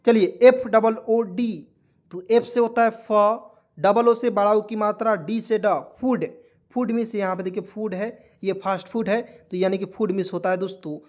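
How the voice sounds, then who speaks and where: Speaking at a normal speed, a man with a high-pitched voice and fairly even intonation runs an English vocabulary lesson. His method is to drill words: he keeps asking viewers what each term means, then repeats the answer.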